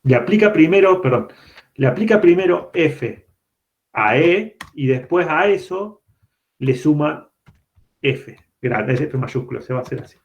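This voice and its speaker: A man's voice: fairly high pitch, animated, measured pace. A man giving an online university programming lecture, explaining step by step and often checking that students follow. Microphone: computer mic on a video call. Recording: dull lo-fi video-call audio.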